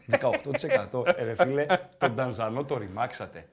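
Animated man chatting about football. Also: mid-range voice, slightly rough. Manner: animated, joking, emphatic. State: slightly sick. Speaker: co-host of a sports live stream. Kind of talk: casual sports chat, reading viewer messages.

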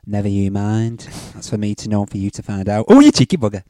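A man's voice: lowish voice, big pitch swings, quick pace, warm tone, pitched below the performer's own voice. A man voicing a cheeky, flirtatious male agony uncle, full of coy innuendo. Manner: innuendo-laden, coy, teasing.

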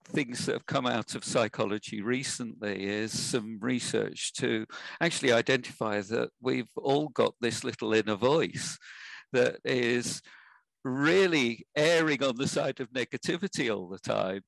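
A man, speaking as an interview guest who offers life advice in a measured, emphatic way. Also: mid-range voice, vocal fry, a bit bright, no room sound, poor audio. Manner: measured, advisory, emphatic at key points. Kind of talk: casual interview.

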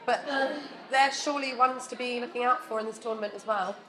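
Woman, podcast host, a touch higher voice, chatty and easygoing. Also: steady tone, brisk, background noise. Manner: chatty, leads the talk with light laughter. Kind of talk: casual sports chat.

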